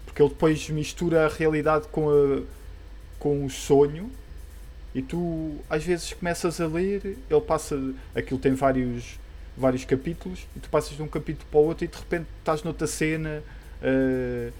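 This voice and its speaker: A man's voice: fairly high pitch, moderate pace, a little mellow. A man with a European Portuguese accent chatting casually about comic books in a hesitant, rambling, colloquial way. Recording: background music under the voice.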